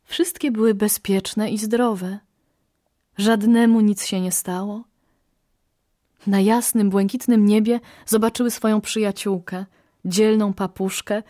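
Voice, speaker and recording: A woman narrating a fable in a slow, measured storytelling manner. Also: medium pitch, steady tone, warm tone.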